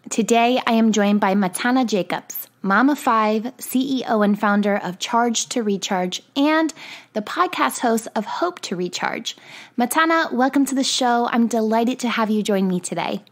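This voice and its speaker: A woman's voice: on the high side, animated, normal speed. A woman hosting a podcast, reading an earnest intro and then interviewing her guest in an upbeat, encouraging way. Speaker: podcast host.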